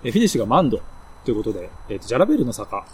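A man's voice: mid-range voice, big pitch swings, racing, a little hiss or hum. A man in his thirties co-hosting a podcast, chatting casually and laughing easily, recorded in a hotel room. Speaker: podcast co-host. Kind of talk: casual chat.

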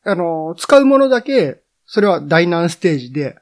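A middle-aged man talking as a podcast guest, reminiscing in an unhurried way with many drawn-out fillers. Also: fairly high pitch, sing-song. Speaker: guest, editor and cycling journalist. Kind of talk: casual podcast conversation.

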